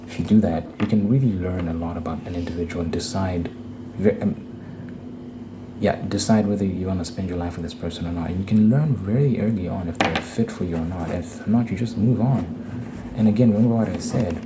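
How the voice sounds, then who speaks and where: A man's voice: sits low, brisk. A man giving casual, opinionated relationship advice in a rambling monologue, repeating phrases for emphasis. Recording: clear background noise.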